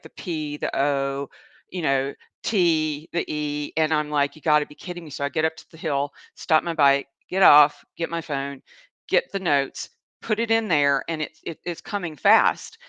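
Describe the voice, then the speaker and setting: A woman's voice: low-pitched, a little slow, pushed and bright, clear, resonant tone, no room sound. A woman with a Southern US accent hosting a live show, chatting casually and rambling through a personal story. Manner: chatty, rambling, laughs often, reads viewer comments. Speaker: host, animal communicator. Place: home in Asheville.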